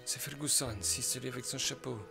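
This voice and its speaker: A man with a gravelly, creaky voice plays a mafia boss in a game role-play, speaking with a put-on Italian accent. He talks in a calm, commanding way and lays out each step of the plan. Clear music plays behind him. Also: mid-range voice, brisk. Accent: fake Italian accent.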